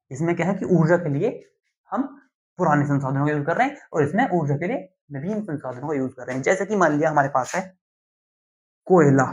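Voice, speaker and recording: Slow-explaining tutor, muffled sound. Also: male voice, medium pitch. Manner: slow, deliberate explaining with frequent "theek hai" check-ins. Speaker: teacher. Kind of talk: classroom lecture. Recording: dull lo-fi sound.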